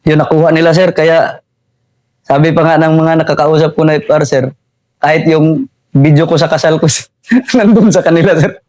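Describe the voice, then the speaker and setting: Young Filipino soldier, high-pitched, saying "sir" constantly. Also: male voice, fairly even intonation, normal speed, darkish tone. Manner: says "sir" after nearly every phrase, with frequent chuckles. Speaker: soldier telling his war story. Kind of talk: casual interview storytelling.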